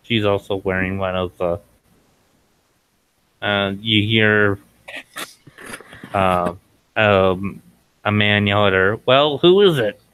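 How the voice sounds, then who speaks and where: A man's voice: lowish voice, little pitch movement, slow, long pauses, sharp tone, clear, resonant tone, rough recording. A man narrating as game master, hesitant and full of fillers.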